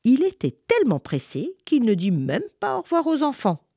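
A woman storyteller narrating a children's story in an expressive, animated way. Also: high-pitched, moderate pace, slightly rough, no echo, studio quality.

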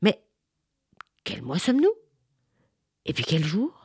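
A woman's voice: fairly high pitch, expressive, a little fast, darkish tone, husky, no echo, studio quality, pitched above the performer's own voice. A woman voicing Winter as a grumpy, sleepy old bearded man, grumbling and bewildered.

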